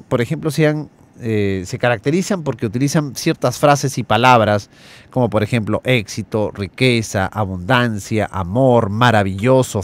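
A man hosting a motivational radio talk, earnestly addressing listeners and slowly listing words. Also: medium pitch. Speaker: radio host.

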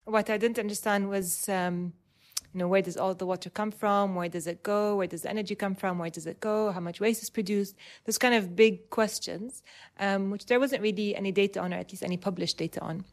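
A Dubai urban planner in her thirties answers interview questions in a measured manner, pausing with ums and restarting phrases. Her voice is medium-pitched and her tone steady.

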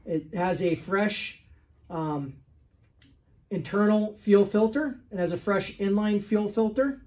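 Young male shop owner, higher pitch, casual matter-of-fact walkaround, handheld phone, indoor workshop. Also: slow pace, a little mellow. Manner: plain, matter-of-fact listing of details with fillers. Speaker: restoration shop owner selling a motorcycle.

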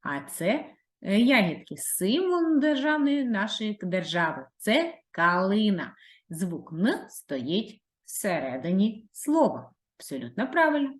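Animated woman teaching small children. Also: medium pitch, echoey room. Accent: Ukrainian. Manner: sing-song, drawn-out, encouraging teacher voice. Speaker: primary school teacher. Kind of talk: video lesson for young children.

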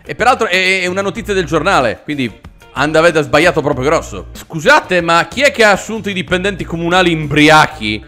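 Male reaction host, fairly high lively voice, sarcastic and exasperated, faint music underneath. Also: a little fast. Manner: sarcastic, exasperated, mock outrage. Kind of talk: casual comedic commentary.

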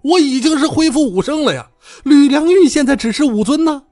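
A man's voice: fairly low pitch, very animated, unhurried, no room sound, clean studio sound. A man doing a pompous, cowardly sect master. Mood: panicked. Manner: swings from smug murmur to panicked squeals. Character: pompous chubby male sword sect master, cowardly and whiny. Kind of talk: audiobook character voice.

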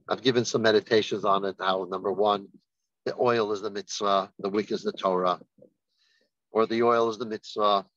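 A man giving a rabbi's holiday message, telling a story in an unhurried way and lifting his voice for the people he quotes. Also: lowish voice, dry recording, lo-fi sound. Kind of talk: sermon with storytelling.

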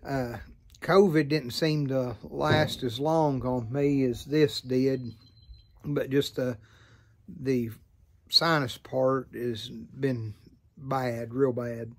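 A middle-aged man with an American Southern accent chats casually to camera outdoors. His pitch is average for a man. He rambles in a folksy, unhurried way, like a hobbyist vlogger catching viewers up. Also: steady tone, a little mellow. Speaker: vlogger and hobby pipe maker. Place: outdoors by a farm field.

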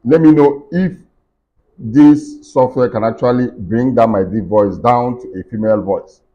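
At a computer desk in an indoor room, a deep-voiced middle-aged man hosts a screen-recorded software tutorial at a measured pace. His step-by-step explanations are full of fillers and restarts, and the screen capture has a dull, lo-fi sound.

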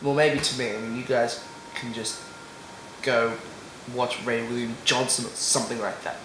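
A man's voice: medium pitch, fairly even intonation, normal speed. Young guy with a stuffy nose, rambly vlog chat, echoey room, noisy background. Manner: rambling, chatty, laughs often. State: stuffy nose and sore throat. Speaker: vlogger. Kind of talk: casual video diary. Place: at home, indoors.

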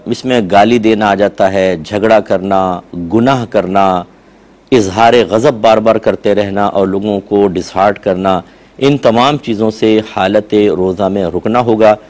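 Speaking at a measured pace in a lowish, darkish voice, a male Islamic scholar with a sore throat explains religious rulings in response to questions. His tone is earnest, and his pitch jumps when he quotes others during this Q&A.

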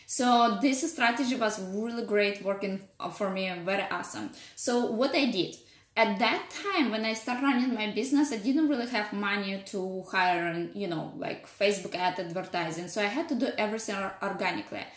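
A business coach in her thirties with a strong Russian accent chats casually on a live stream from her home office, greeting viewers and using plenty of fillers. Her voice is mid-range at a normal speed, in an echoey room with faint noise.

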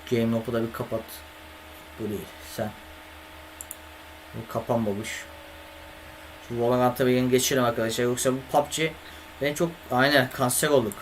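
A man's voice: mid-range voice, little pitch movement, normal speed, pauses often, slight background noise. Man grumbling through a live gaming stream. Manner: swears and grumbles at the computer, talks to chat. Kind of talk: casual live-stream chat.

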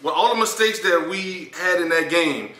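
A man in his thirties giving a hopeful take on his team in a casual living-room reaction, halting with many fillers. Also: sits high, pushed and bright, roomy sound. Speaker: show regular and guest. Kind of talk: casual sports reaction talk.

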